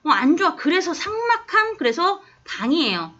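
Bright-voiced woman teaching a class. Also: extremely high pitch, very animated, moderate pace. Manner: coaxing, keeps asking the class if they understand. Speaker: English teacher. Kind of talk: classroom lesson explaining an English text. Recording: dull lo-fi classroom recording.

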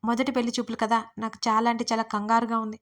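A woman's voice: a little high, completely flat delivery, quick pace, close to an everyday voice. A woman voicing an anxious young woman who speaks in a fretful, whiny way. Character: anxious young woman before an arranged meeting.

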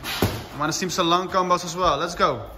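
A man's voice: high-pitched, normal speed. Man coaching a workout in an echoey gym. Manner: urging, commanding, encouraging. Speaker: kickboxing coach leading a heavy bag class. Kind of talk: workout coaching with short shouted cues and countdowns. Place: indoor kickboxing gym with mats and mirrors. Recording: echoey gym with clear background noise, clicks.

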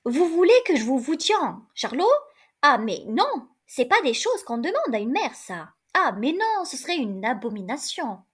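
A woman's voice: sits high, sing-song, moderate pace, a bit bright, husky, heavily acted. A woman voicing an angry peasant mother who bluntly refuses to give up her son, in a storybook reading. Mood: indignant. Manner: indignant, blunt country speech.

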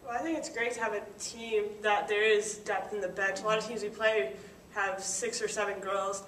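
A young woman, a college basketball player in her early twenties, giving even, thoughtful answers at a postgame press conference. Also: medium pitch, moderate pace, slight background noise. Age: early 20s. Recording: echoey room, distant mic.

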